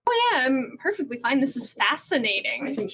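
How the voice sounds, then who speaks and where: Halfling girl, small and curious, high light voice, woman voicing. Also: sing-song, normal speed, a bit bright, a little hiss or hum, exaggerated voice. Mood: chipper.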